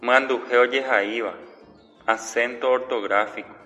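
A man teaching a language lesson, going slowly and drawing out each example word. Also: medium pitch, fairly even intonation, bright, forceful tone, big-room sound, faint music behind. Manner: slow, deliberate, drawing out example words.

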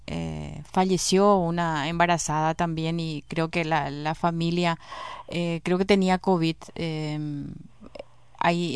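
A woman's voice: on the low side, clear, resonant tone, no echo, studio quality. A woman interviewer asking questions hesitantly, often repeating words and murmuring agreement. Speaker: interviewer, radio host. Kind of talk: radio interview.

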